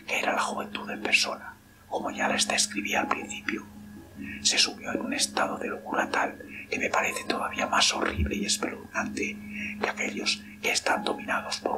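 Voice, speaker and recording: A man reading a ghost story aloud in a steady, hushed whisper throughout. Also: low-quality recording. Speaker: narrator.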